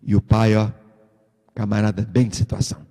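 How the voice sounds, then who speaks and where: A man with a Brazilian accent preaching a sermon as pastor, a lively storyteller who acts out the voices in his stories. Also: fairly low pitch, a little fast, big-room sound. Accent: Brazilian Portuguese. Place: church.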